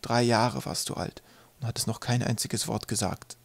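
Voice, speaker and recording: A man voicing a fond troll mother in an audiobook, with a high, throaty, gurgling voice and soft, tender storytelling. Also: steady tone, normal speed, vocal fry, dry recording. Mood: wistful. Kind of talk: audiobook character voice.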